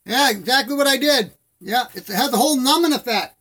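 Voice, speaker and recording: High-voiced man with toothless, lips-over-gums speech. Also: animated, brisk, bright, forceful tone. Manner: rambling, friendly, addresses viewers as buddy. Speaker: live stream host. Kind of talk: casual chat to live stream viewers.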